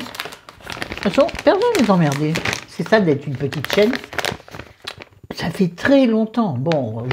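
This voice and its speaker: A woman's voice: low voice, noisy background. A woman casually walking viewers through a recipe, chatty and digressive, with joking asides to herself. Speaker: cooking vlogger.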